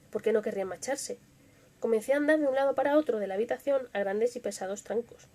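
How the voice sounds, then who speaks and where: On her live stream, a young Spanish woman mixes casual conversation with dramatic readings of stories. She has a fairly high, gentle, expressive voice with a Spain Spanish accent, and at times she lowers it to a whisper.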